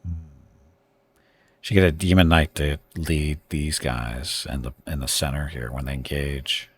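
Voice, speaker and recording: A man thinking aloud as he plays a strategy game on a live stream, halting and correcting himself as he goes. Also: extremely low pitch, fairly even intonation, husky. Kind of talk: casual gameplay commentary.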